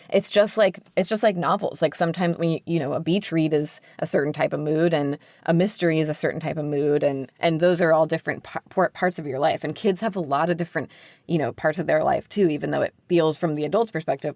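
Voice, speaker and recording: A children's book editor appearing as a podcast guest explains things casually and chattily, leaning on words like "like" and "sort of". Her voice is deep and a little mellow, captured in a dry, clean studio recording.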